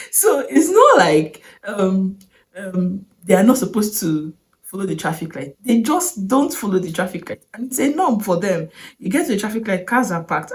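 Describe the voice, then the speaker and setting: A young Nigerian-accented woman relaxes into her travel story on a vlog, her voice sitting a little low for a woman. She chats, wonders aloud, asks herself questions and lets out short laughs now and then.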